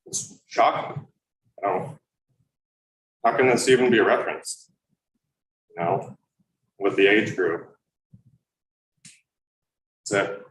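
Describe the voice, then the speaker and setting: This is a man in his thirties addressing a board as a concerned parent, his voice very deep and his delivery halting and earnest. The sound is an official meeting-room recording, like a courtroom tape, picked up from across a roomy hall with faint background noise. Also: a bit bright, far from the mic. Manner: halting and earnest, many fillers. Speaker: parent speaking at public comment. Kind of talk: public comment at a board meeting.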